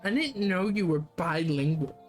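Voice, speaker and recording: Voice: mid-range voice, lively intonation, normal speed, soft background music. A streamer reading a dating game aloud on a live stream, with sarcastic, swearing asides. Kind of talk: live game read-through with commentary.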